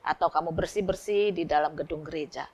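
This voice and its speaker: A woman voicing a kindly male village pastor in a sermon story, speaking gently and patiently as she offers a penitent man a room and work. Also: low voice, fast talker, husky, voice pushed down. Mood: gentle.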